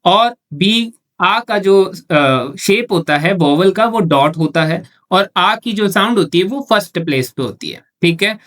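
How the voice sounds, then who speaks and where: A man's voice: sits high, expressive, measured pace, hardly any pauses, a bit bright. Male tutor, repetitive and patient, classroom explainer who answers his own questions. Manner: asks rhetorical questions and answers them himself; repeats each point patiently, often checking with "okay". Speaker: shorthand teacher.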